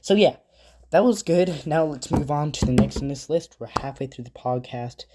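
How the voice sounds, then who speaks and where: A podcast host with a cold-stuffed nose rambles through album facts from his notes, adding asides and correcting himself in a casual monologue. His voice is a little high and expressive, at normal speed with a warm tone, and there's no echo.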